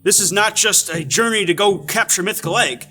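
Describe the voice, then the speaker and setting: A performer doing Checkers, a bright earnest sidekick. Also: medium pitch, fairly quick. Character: adventurous cartoon companion Checkers.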